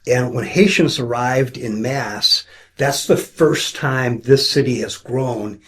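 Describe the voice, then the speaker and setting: A man talking with a church member in an earnest, quick way, often restarting his sentences. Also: medium pitch. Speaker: pastor interviewing a church member. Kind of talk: casual conversational interview.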